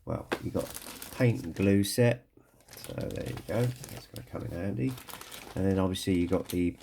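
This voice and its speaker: A British man with a very low, gravelly voice talks through a hobby kit unboxing. He sounds croaky and congested from a cold. His delivery is casual and conversational, with halting phrasing. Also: warm tone, a little hiss or hum. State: ill with a cold or hay fever, coughing. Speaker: scale model kit reviewer.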